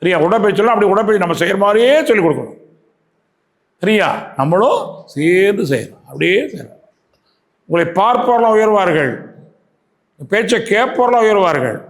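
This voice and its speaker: A man with a Tamil Nadu accent giving a spiritual talk to a yoga class. He keeps asking his listeners questions, repeats key phrases and recites verses slowly. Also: sits high, lively intonation. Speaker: yoga teacher.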